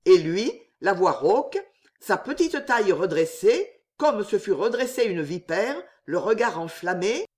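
A woman's voice: mid-range voice, sing-song, a little slow, a little mellow. A woman narrating a historical novel aloud in a theatrical, heavily inflected manner. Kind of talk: dramatic audiobook narration.

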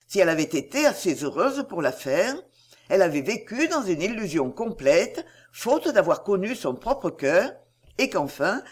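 A woman narrating a classic novel as an audiobook, her voice husky and breathy at mid pitch. Her reading is expressive and measured, with intonation that rises and falls in a lively way. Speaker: audiobook reader.

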